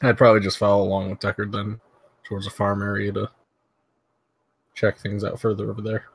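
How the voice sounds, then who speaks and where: A man's voice: fairly low pitch, monotone, fairly quick, creaky, husky, no echo. A man chatting casually as a player in a tabletop game. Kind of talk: casual joking role-play chat.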